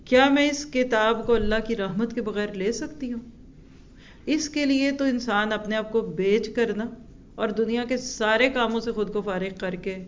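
A woman gives a religious lesson and keeps putting rhetorical questions to her listeners. She slows down to recite Arabic verses with care. The recording sounds a little dull and lo-fi. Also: medium pitch, slight background noise. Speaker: Quran teacher.

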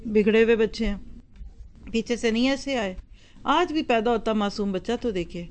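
A woman giving an earnest religious lecture on parenting, full of rhetorical questions and repeated parallel phrases. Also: mid-range voice. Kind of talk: Islamic lecture to an audience.

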